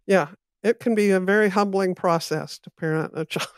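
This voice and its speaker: In a podcast interview conversation, the woman host considers a text slowly and with measured thought, offering affirmation as she goes. Her voice is mid-range, and a little hiss or hum can be heard.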